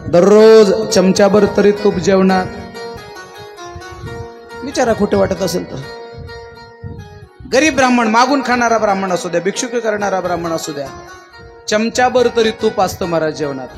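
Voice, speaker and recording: A man preaching a devotional sermon, telling the story in rhythmic lists and coaxing the crowd with questions. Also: high-pitched. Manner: folksy, coaxing the audience to answer. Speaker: kirtan preacher. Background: music.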